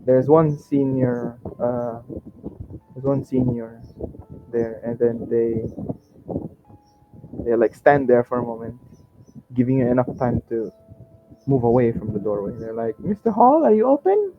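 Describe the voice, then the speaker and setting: A man narrates a tabletop game as its game master, relaxed and unhurried, laughing often as he hunts through his notes. His voice comes through a dull, lo-fi recording with a faint hiss behind it. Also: medium pitch. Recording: dull lo-fi sound with faint noise.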